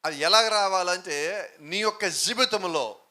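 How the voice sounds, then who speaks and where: A man's voice: high-pitched, unhurried, sharp tone. A man preaching a sermon with emphatic rhetorical questions, now and then mixing in English phrases. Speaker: pastor.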